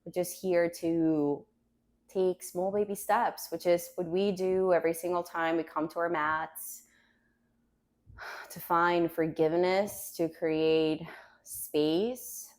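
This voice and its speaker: A woman meditation teacher leading a grounding exercise in a calm, gentle way with unhurried pauses. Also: on the low side.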